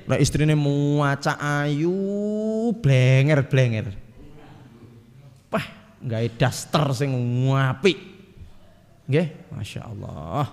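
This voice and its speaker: A male preacher with a Javanese accent giving a lively, joking religious lecture, often putting questions to his audience. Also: on the high side, in a large hall. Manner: jokey, engages audience with direct questions.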